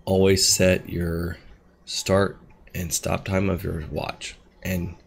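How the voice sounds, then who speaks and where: A man's voice: deep voice, little pitch movement, takes it slowly, creaky, husky. A man giving laid-back, rambling commentary over his gameplay, thinking aloud as he plays. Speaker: gaming video host.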